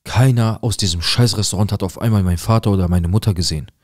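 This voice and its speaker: A man narrating a dramatic first-person story, mostly low and hushed, with agitated quoted outbursts. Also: quick pace, dry recording, clean studio sound. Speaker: storyteller recounting a viewer's story.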